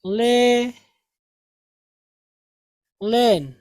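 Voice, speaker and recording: Slow, patient woman teaching English words. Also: a little high, lively intonation, darkish tone, dry recording, clean studio sound. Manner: patient, repeats each word and meaning. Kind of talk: slow vocabulary drill lesson.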